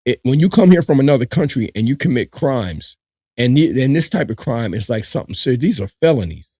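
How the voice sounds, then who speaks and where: A man hosts a live reaction stream, commenting emphatically and speaking straight to his audience. He often repeats words as he presses a point. His voice sits at a middle pitch and sounds close and dry, with no room echo. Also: lively intonation, a little fast, dark tone. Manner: emphatic, repetitive, addresses viewers directly. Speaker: live reaction show host.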